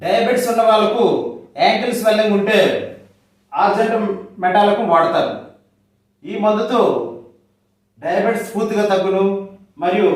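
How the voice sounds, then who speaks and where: A man with a Telugu accent, narrating a scripted health lesson in steady, measured phrases. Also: high voice. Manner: steady, measured delivery in short listed phrases. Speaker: homeopathy health educator. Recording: very echoey, from far off the mic.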